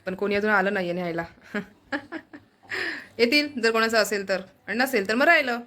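A woman's voice: medium pitch, expressive, normal speed, sharp tone. Chatty woman narrating her home vlog. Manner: chatty, keeps saying look here, coos at her pet. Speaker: family vlogger. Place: home kitchen.

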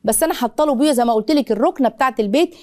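A middle-aged woman with an Egyptian accent hosting a parenting advice show, giving rapid, animated answers to viewer questions with playful voices and many restarts. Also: high-pitched. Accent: Egyptian Arabic.

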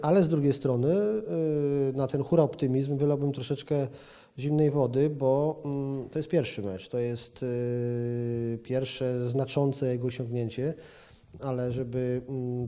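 In an office room with a plant, a reporter holds a handheld mic toward a football pundit in his forties during a TV interview. He answers hesitantly, full of fillers and restarts, in a warm, medium-pitched voice.

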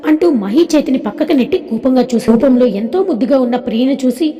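A woman's voice: sits high, expressive, a little fast, warm tone, big-room sound. A woman narrating a serialized drama story in a scripted reading.

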